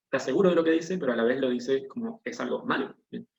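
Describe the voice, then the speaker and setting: His voice is mid-range, gravelly and a little mellow, and he talks quickly as he leads an online class. Going step by step, he checks with his students frequently, though the video-call sound is echoey, dull and lo-fi.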